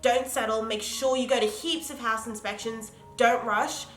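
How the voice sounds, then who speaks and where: An Australian woman in her twenties co-hosting a casual chat at home, bubbly, excitable and blunt. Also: on the high side, moderate pace. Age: 20s. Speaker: co-host. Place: home, in a pillow fort indoors. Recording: echoey room with background music.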